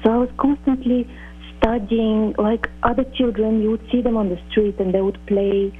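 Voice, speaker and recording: A middle-aged woman from Bulgaria, a guest telling her life story in an earnest, measured, sometimes halting way. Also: on the high side, flat delivery, slightly rough. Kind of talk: reflective personal storytelling. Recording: phone-like narrow audio.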